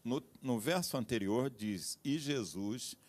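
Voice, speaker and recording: Lively preacherly male Bible teacher. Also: medium pitch, takes it slowly. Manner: explanatory, preacherly emphasis. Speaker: seminary teacher, guest panelist. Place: TV studio.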